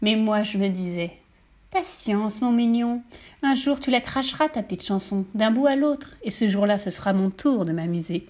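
A woman voicing a spiteful old female witch with a thin, sour, shrill voice, mocking and gloating in a storybook reading. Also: lively intonation, normal speed, a little mellow, lightly acted.

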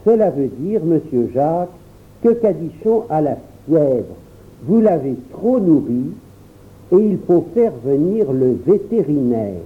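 Guy doing a no-nonsense coachman in a storybook, lively tone, thin phone-ish sound. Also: fairly high pitch, a little slow, narrow, tinny audio. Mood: calm. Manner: matter-of-fact explaining. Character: steady grown coachman, practical and calm.

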